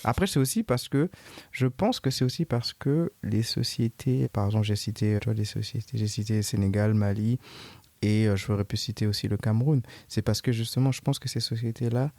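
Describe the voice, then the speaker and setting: Hesitant man hosting a podcast, dark voice. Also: fairly low pitch, fairly quick, dry recording. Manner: hesitant, restarts questions often. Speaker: podcast host. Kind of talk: casual interview chat.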